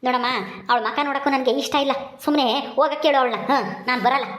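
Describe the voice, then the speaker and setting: A woman's voice: high-pitched, fairly even intonation, fast talker, fairly bright tone, slight background noise. A woman playing an angry young husband in a village family drama, curt and dismissive toward his wife. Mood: bitter. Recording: echoey room.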